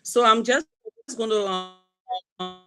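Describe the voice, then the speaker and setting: A woman chairing a program, speaking quietly and hesitantly over a video call whose choppy audio keeps breaking up. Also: on the high side, steady tone, takes it slowly, soft background music. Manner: quiet and hesitant, with many fillers. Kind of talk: casual talk on a video call. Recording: distant, glitching online call audio.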